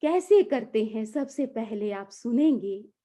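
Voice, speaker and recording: A woman giving a calm, slow mantra lesson, drawing out the chanted syllables. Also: fairly high pitch. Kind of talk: guided mantra pronunciation lesson.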